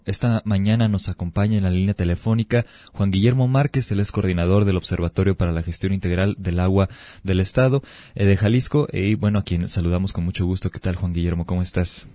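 Man, radio interviewer, lowish pitch, mellow tone, dry studio sound, live news. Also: fairly even intonation, quick pace, no echo.

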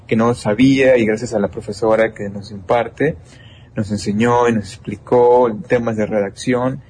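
A young adult engineering student with a Mexican Spanish accent answers interview questions earnestly, using many restarts and fillers. His lowish voice is a little mellow, with fairly even intonation at normal speed, and there's a little hiss or hum.

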